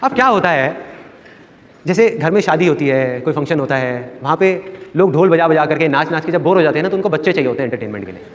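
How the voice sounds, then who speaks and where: A man's voice: fairly high pitch, animated, fast, a little hiss or hum. A man giving a live motivational talk to an audience, telling childhood stories animatedly and acting out family members' voices. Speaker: motivational speaker. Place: stage in a large hall with audience. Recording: reverberant hall with audience.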